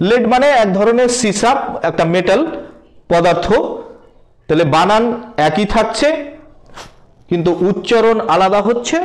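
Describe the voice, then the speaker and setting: A man's voice: high-pitched, low-quality recording. A man teaching English grammar in a spoken lesson, repeating points and spelling words out letter by letter while calling his viewers friends. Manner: repetitive, spells words out letter by letter, slow deliberate emphasis. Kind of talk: spoken lesson explaining word meanings.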